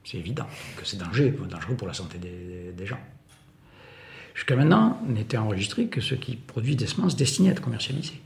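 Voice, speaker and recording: A man giving an emphatic, off-the-cuff explanatory talk on a political matter, stressing some phrases and dropping others low. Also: animated, a little fast, gravelly, a little hiss or hum. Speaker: farmer speaking as an activist. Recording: echoey room recording.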